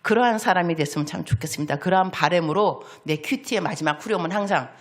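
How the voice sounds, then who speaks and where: A middle-aged woman missionary preaching a sermon in church, animated and playful, acting out little voices as she goes. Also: on the low side, quick pace. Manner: animated, acts out voices of children and God, playful asides. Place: church sanctuary.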